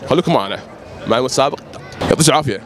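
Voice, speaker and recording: A man's voice: medium pitch, lively intonation, very fast. A middle-aged man with a Kuwaiti accent hosting a street quiz and announcing prizes, reading his lists a little hesitantly. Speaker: street quiz show host. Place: outdoor fairground at night. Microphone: handheld microphone. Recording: busy outdoor crowd behind voice. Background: crowd chatter.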